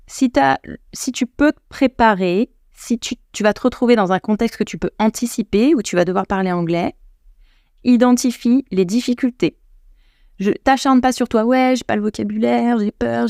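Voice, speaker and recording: Young french woman hosting a podcast, slight vocal fry, dry close mic, chatty. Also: mid-range voice, darkish tone, dry recording. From France. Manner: chatty, addresses listener directly, many restarts. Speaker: podcast host, English coach. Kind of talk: casual advice talk.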